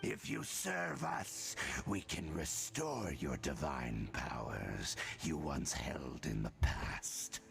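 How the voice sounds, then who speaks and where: A man playing a menacing villain of a dark order in a video game, with slow theatrical menace and a gravelly voice. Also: extremely low pitch, big pitch swings, exaggerated voice. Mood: menacing, taunting. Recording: game audio under loud music.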